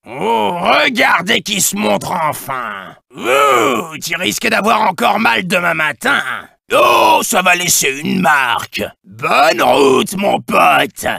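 A big, rowdy male clown brute from a video game, protective and full of taunts. The voice is very sharp and forceful, gravelly, and swings wildly in pitch. He talks loudly, with jovial bluster. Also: big pitch swings, slow pace, hardly any pauses, no echo, studio quality, full character voice. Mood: taunting. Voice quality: gravelly, raspy. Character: big, fat, boisterous clown brute, protective of little pal. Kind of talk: exaggerated video game character acting.

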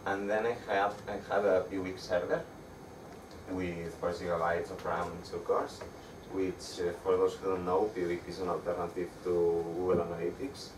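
A young man with a Spanish accent giving a meetup tech talk with slides, speaking haltingly with frequent restarts. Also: low-pitched, little pitch movement. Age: young adult. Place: dark room with projector screen. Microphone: far camera. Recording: echoey room, distant mic, audible background noise.

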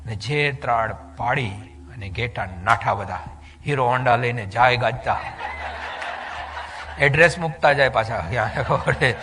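A man giving a devotional sermon in an animated storytelling way, slipping English phrases into his talk. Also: mid-range voice, normal speed, pauses often, in a large hall, background noise. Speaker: religious speaker giving a discourse.

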